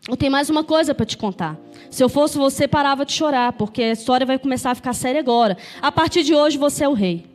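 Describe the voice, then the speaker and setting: A woman's voice: sits high, fast talker, close to an everyday voice. A woman doing a stern palace soldier. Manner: stern, matter-of-fact telling. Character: blunt palace soldier, adult man.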